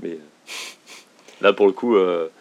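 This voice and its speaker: A man hosting a podcast in casual chat. He jokes with his co-hosts and cuts in quickly with remarks and teasing. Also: sits low, narrow, tinny audio. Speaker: podcast host.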